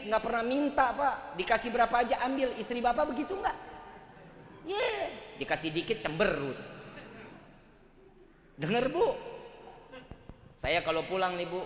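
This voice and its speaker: A man's voice: high-pitched, fairly bright tone. A man with a Betawi accent preaching a humorous sermon to a gathering, teasing and joking with the audience. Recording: echoey hall with faint background noise.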